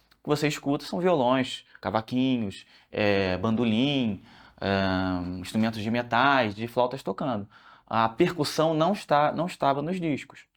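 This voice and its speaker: A man speaking as a researcher in a documentary interview, explaining at length with frequent restarts. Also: mid-range voice.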